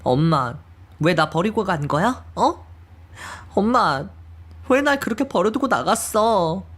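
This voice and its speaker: A woman's voice: medium pitch, big pitch swings, slow pace, slightly rough, full character voice. A woman voicing a hurt young adult daughter who reproaches her mother in an emotional audio drama reading. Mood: reproachful.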